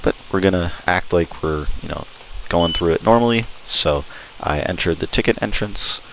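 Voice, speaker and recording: A man with a deep voice talks viewers through a game in a casual, informal way. He sounds enthusiastic as he explains things. There is audible noise in the recording behind him. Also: normal speed, a bit bright, low-quality recording. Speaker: video host. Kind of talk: casual gameplay walkthrough commentary. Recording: clear background noise.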